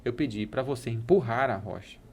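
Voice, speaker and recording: A man telling it as God, calm and solemn. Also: medium pitch, brisk, slight background noise, lightly acted. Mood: gentle. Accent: Brazilian Portuguese. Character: God, a calm fatherly male voice from above.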